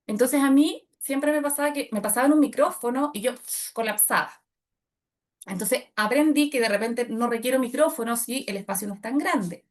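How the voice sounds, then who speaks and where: A middle-aged woman teaching public speaking to a group of women, shifting her loudness and pace to demonstrate. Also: on the high side, moderate pace. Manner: expressive, demonstrates loud and soft delivery. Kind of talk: workshop talk to women.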